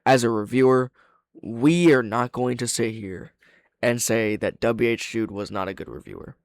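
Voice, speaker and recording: A man with a medium-pitched voice talks at a moderate pace in a studio-quality recording with no echo. As a reaction host and video reviewer, he gives casual, off-the-cuff commentary, blunt and opinionated, swearing freely.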